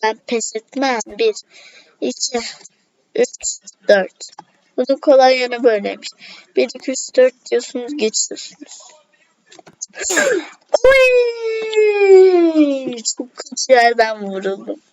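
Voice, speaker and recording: A woman doing casual let's-play commentary as a gaming YouTuber, excitable, talking straight to her viewers and breaking into gasps and shrieks. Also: a little high, moderate pace. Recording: slightly dull lo-fi with faint hiss.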